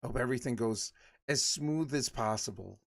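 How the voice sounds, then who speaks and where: Gravelly-voiced man in his forties. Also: medium pitch, normal speed. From Michigan. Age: 40s. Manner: chatty, rambling, laughs often. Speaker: livestream host. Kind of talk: casual chat with viewers.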